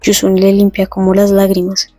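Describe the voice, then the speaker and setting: A woman casually retelling a comic story, reading the characters' lines slowly and chatting between them. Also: medium pitch, monotone, warm tone, no room sound, faint music behind. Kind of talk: casual comic recap with read-out dialogue.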